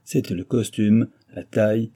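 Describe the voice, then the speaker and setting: A man narrating a classic novel in a steady, measured reading. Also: lowish voice. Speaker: audiobook narrator. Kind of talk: scripted narration.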